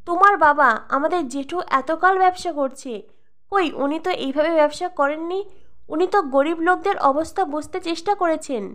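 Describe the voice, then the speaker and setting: A woman's voice: very high voice, normal speed, pushed and bright. A woman reading the lines of a principled young woman who speaks earnestly and reproachfully. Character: principled young woman pleading with her employer.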